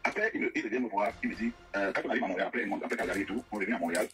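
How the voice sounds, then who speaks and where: A man with a slightly low, bright voice tells his side of a dispute at a rapid clip. He is insistent and repeats himself, tripping over words as he presses on. Faint music sits behind him. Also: poor audio. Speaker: guest telling of a money dispute with an artist. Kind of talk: heated personal account.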